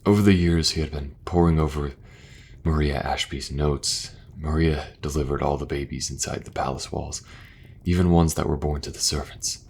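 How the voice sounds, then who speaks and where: Young king, kind and burdened; soft-spoken, halting, very low voice; male actor. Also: steady tone, gravelly, slightly rough, heavily acted. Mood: earnest. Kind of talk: fantasy audio roleplay.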